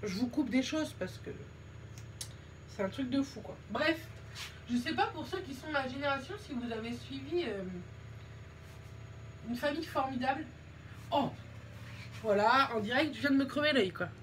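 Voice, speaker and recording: A woman's voice: high voice, expressive, normal speed, pauses often, noisy background. A young woman from France chatting casually and rambling with self-mockery while doing her makeup at home. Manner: rambling, self-mocking, slangy. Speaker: beauty vlogger.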